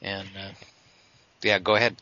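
A man's voice: deep voice, little pitch movement, normal speed, sharp tone. A man talking as a guest on a casual online podcast, earnestly explaining at length over a voice call. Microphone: internet voice call. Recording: lo-fi internet call audio.

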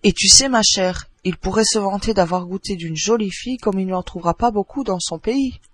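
A man's voice: high voice, lively intonation, normal speed, husky. A man voicing a haughty, paternal aristocratic count over 60 who speaks condescendingly and persuasively. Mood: familiar.

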